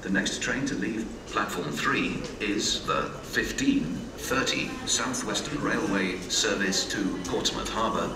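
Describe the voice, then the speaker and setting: A man making measured train announcements, heard over a station public address loudspeaker on a railway platform. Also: lowish voice, distant mic. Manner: measured, even announcing delivery. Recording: echoey loudspeaker heard from afar, noisy.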